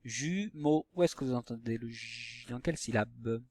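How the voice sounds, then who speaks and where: A male teacher talks young pupils through a phonics lesson, slowly and patiently, stressing each example word. His voice sits at a middle pitch. The recording is dry and close, with no room echo. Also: creaky, darkish tone.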